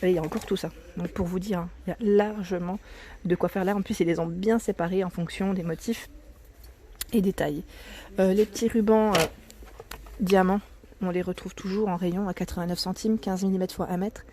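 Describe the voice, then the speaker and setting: Her voice is fairly low and mellow, with fairly even intonation and a fairly quick pace. She's a vlogger casually showing new store arrivals in an aisle, chatty and prone to correcting herself, occasionally near a whisper, her voice cracking early in the morning.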